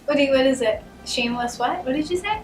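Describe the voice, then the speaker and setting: A woman's voice: high-pitched, animated, quick pace, faint music behind. A woman with a Boston accent hosting a casual couple Q&A at home, chatty and rambling, laughing often. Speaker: channel host. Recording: roomy, distant camera sound.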